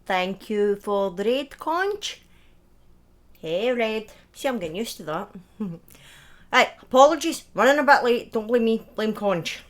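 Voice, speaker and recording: Hosting a casual livestream, a woman tells stories and chats with viewers in a slightly high, animated voice at an unhurried pace. She's chatty and quick to laugh at herself. An odd swear word turns up.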